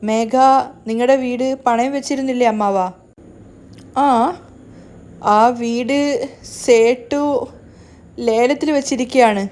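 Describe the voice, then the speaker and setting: A distressed young man who breaks bad news in short, halting phrases, read by a woman in her own voice. The delivery stays fairly high and plain, like a story being retold. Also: steady tone, darkish tone. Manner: halting, hesitant.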